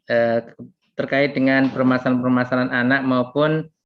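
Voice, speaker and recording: Polite male moderator, monotone delivery, muffled recording. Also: medium pitch. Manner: measured and polite. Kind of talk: formal closing thanks. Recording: dull lo-fi sound.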